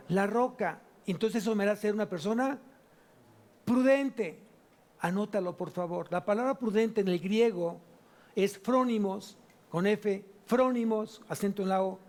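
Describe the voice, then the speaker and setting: A man with a Mexican Spanish accent preaching a sermon at a church service, asking the congregation question after question and drawing out key words slowly. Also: high-pitched, darkish tone. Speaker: pastor.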